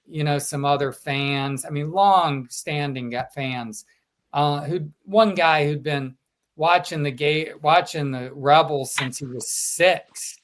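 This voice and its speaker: Guy on a sports podcast telling a road trip story, voice a bit on the high side, chatty. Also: slow. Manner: storytelling, quotes fans in lively asides. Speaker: podcast co-host, sports reporter. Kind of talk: casual sports chat.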